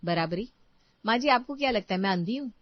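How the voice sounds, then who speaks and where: A bitter, accusing young daughter-in-law, voiced by a woman storyteller. Her complaints come quick and sharp, in a dry, dull lo-fi recording. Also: mid-range voice, expressive, no echo, lightly acted.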